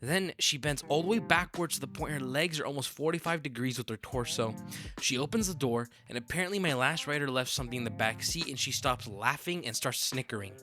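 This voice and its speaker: A man's voice: medium pitch, a little fast, bright, forceful tone. A man narrating a story in a conversational, offhand manner with sudden upward swoops. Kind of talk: reading a story aloud.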